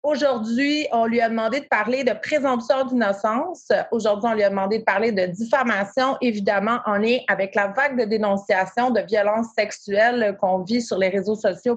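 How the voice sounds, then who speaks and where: A woman's voice: mid-range voice, husky, lo-fi sound. A woman with a Québécois accent co-hosting a podcast in casual chat, hesitating often with fillers and restarts. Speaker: podcast co-host.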